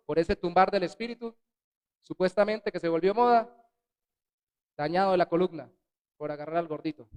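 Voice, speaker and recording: A man preaching a sermon as pastor in a church, swinging between loud bursts and soft, dropped words. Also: high voice, smooth. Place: church sanctuary.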